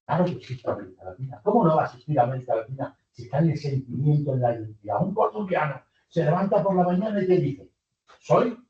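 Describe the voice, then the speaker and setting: Older professor lecturing in a hall. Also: male voice, a little high. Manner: lively, rhetorical questions to the audience. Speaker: university professor. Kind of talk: university lecture. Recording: distant, roomy, muffled lecture hall recording.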